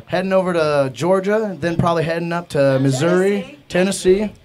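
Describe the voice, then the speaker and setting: A man's voice: high-pitched, normal speed, a little mellow. A man from the band, chatting casually and cracking dry jokes about the tour. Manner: laid-back, wisecracking, swears freely. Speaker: band member. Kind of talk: casual chat.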